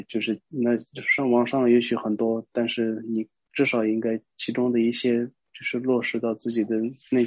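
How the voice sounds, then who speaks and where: A man gives a Buddhist dharma talk, explaining a verse in a halting, unhurried way with frequent pauses and restarts. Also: medium pitch, warm tone, slightly rough, no room sound. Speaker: Buddhist teacher. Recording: dull, lo-fi dry recording.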